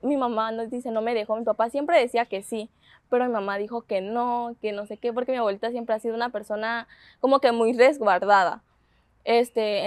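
Young Mexican woman, lively storytelling. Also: on the high side, no echo. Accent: Mexican Spanish. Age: 20s. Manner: animated retelling with quoted dialogue, laughing often. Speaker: pageant contestant. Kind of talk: interview, storytelling.

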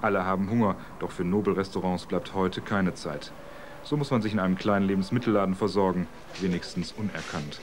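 Low-voiced man narrating a documentary. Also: steady tone, brisk, very noisy. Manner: matter-of-fact, informative. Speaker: reporter and narrator.

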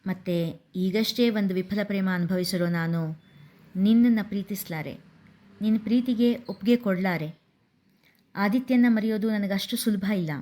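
A woman's voice: medium pitch, moderate pace, pauses often, warm tone, close to an everyday voice. A woman voicing a headstrong young college woman who insists and pleads in a story reading. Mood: firm. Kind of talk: storybook narration.

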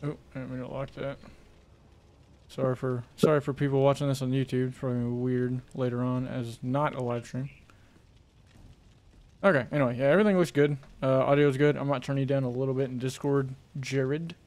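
A man's voice: medium pitch, fairly even intonation, a little fast, darkish tone. A man chatting casually on a game stream. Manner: joking, self-deprecating banter. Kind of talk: casual gaming livestream chat.

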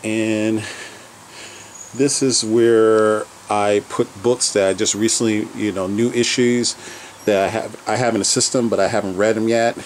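Man, low voice, unhurried, rambling basement-tour vlog narration listing items, faint room hum behind. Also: steady tone, rough recording. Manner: rambling item-by-item listing with fillers. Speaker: collector giving a home tour. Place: home basement.

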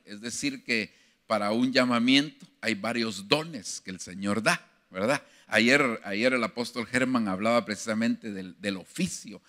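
A man's voice: lowish voice, sharp tone. A man preaching a sermon as pastor, addressing the congregation as brother and acting out biblical dialogues with growing fervor.

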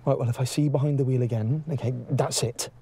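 An actor in a TV drama playing a blunt detective partner who scolds in an exasperated way. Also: male voice, mid-range voice, steady tone, fast talker, dark tone, husky, natural voice.

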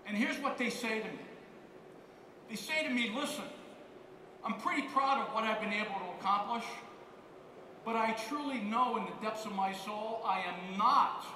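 Guy in his 50s doing a fired-up keynote, sharp voice, sounds far from the mic. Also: high-pitched, slight background noise. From United States. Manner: emphatic, repeats key phrases. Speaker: keynote speaker. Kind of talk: motivational keynote speech. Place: large conference hall on stage. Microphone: headset mic. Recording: roomy hall reverb, heard from far off.

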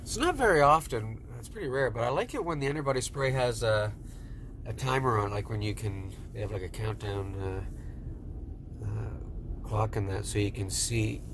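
A man's voice: fairly low pitch, normal speed. A man reviewing a car wash from the driver's seat of his van, musing aloud with many fillers. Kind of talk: casual vlog commentary. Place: inside a van going through a car wash. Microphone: phone camera in the driver's seat. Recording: noisy car wash recording.

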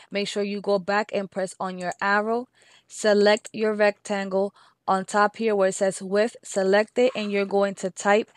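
A woman with a Spanish accent talks through a software craft tutorial step by step, slowing down to repeat each number. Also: mid-range voice. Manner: patient, repeats steps and numbers slowly.

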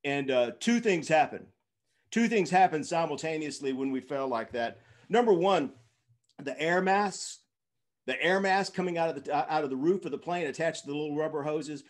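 A man in his fifties giving a keynote speech, telling dramatic stories in a halting way with lots of fillers and restarts. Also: a little high. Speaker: keynote speaker.

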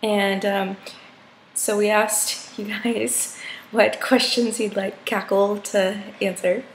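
A woman's voice: mid-range voice, flat delivery, takes it slowly. A young woman vlogger chatting casually and giggling, talking into her laptop mic. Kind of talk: casual chat on a video call. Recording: echoey room with faint noise.

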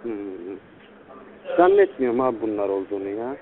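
A man's voice: medium pitch, very animated, a little fast. A young man on a telephone call, talking hesitantly and deferentially with many fillers, heard over a landline phone. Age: young adult. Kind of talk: private phone conversation. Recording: tinny narrow phone line.

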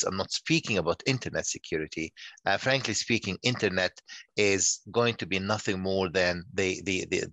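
A man's voice: low voice, fairly bright tone, no room sound. A man in his sixties, raised in Nigeria, giving a conference talk over a video call, often repeating words as he goes. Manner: halting, many repeated words. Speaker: guest speaker.

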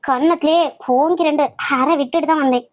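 A woman voicing a hurt, hot-tempered elder sister who speaks slowly and low, with a Kanyakumari Tamil accent. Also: fairly even intonation, lightly acted. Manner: slow, lower, subdued.

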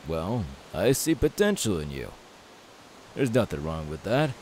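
In an audio roleplay, a man acts out a young pirate captain who is confident and loyal to his crew, in a heavily acted performance. His low voice swings in a lively way as he reassures without hurry, easygoing and calm. A faint, steady hiss runs behind him.

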